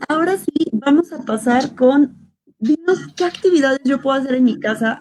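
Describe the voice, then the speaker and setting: A woman hosts an interview and asks her question haltingly, rephrasing as she goes. Her voice is a little high. Faint noise and clicks sit under her words. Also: a little mellow, low-quality recording. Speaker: interviewer host.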